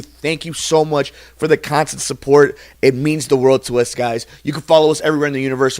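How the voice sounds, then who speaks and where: Studio-quality, dry audio captures an American man with a medium-pitched voice hosting a relaxed podcast. He interviews his guest and signs off, sounding earnest and gushing.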